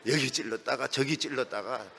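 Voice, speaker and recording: A middle-aged male pastor preaching a sermon in a lively, storytelling way, acting out the voices of people he quotes. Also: mid-range voice, a little fast, vocal fry, a little hiss or hum. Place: church sanctuary. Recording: long reverb of a church hall.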